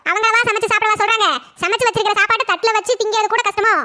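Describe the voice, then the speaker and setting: A woman voicing a bossy, complaining young wife in a cartoon comedy, talking fast and nagging. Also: very high-pitched, steady tone, sharp tone. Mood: irritated.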